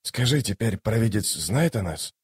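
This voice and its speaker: Brief: male reader as worn-out, uneasy soldier, low muttered grumbling, subdued. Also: lively intonation, moderate pace, slightly rough, no echo, clean studio sound. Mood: wary. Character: weary, wary young soldier man, grumbling. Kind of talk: audiobook character voice.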